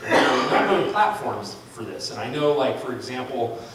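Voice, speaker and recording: A man with a mid-range voice presents a market analysis off the cuff at a public forum, very animated and brisk. He thinks aloud with frequent ums and restarts. The large room sounds echoey, he is far from the mic, and it is noisy.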